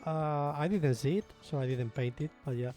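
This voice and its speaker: A man's voice: fairly high pitch, normal speed, mellow, faint music behind. A young man with a Spanish accent, explaining his miniature painting in a rambling, self-deprecating way with lots of fillers. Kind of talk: casual tutorial talk.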